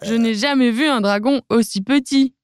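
A woman's voice: on the high side, moderate pace, clear, resonant tone, dry recording, studio quality, pitched above the performer's own voice, natural voice. A woman voicing a mocking male Viking in a storybook reading, scoffing.

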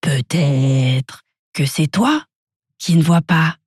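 A woman voicing a gentle, wise imaginary friend in a storybook, speaking in a soft, slow murmur. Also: sits low, slightly rough, dry recording, studio quality, voice pushed down, full character voice.

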